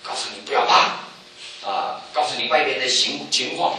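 A man giving a church testimony, telling stories with animated swings and loud exclaiming peaks. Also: medium pitch, normal speed, heavy reverb, far from the mic, slight background noise, low-quality recording. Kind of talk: sermon testimony.

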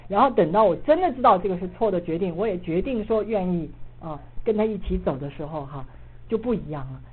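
A middle-aged woman, an assistant pastor, preaching and telling a personal story in a lively way, dotting her speech with filler particles. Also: lowish voice, fast, slightly rough. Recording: muffled phone-like audio with faint noise.

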